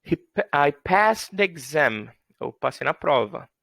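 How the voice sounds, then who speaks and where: Lively, gravelly-voiced Brazilian male teacher. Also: fairly high pitch, slow pace, no echo. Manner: lively, playful, acts out little scenes with example sentences. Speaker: English teacher. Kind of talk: explaining grammar to students.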